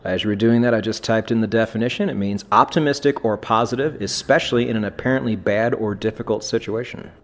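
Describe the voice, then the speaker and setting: Blunt, low-voiced male podcast host. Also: fast talker, few pauses. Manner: blunt, swears casually, restarts phrases. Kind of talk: casual podcast chat.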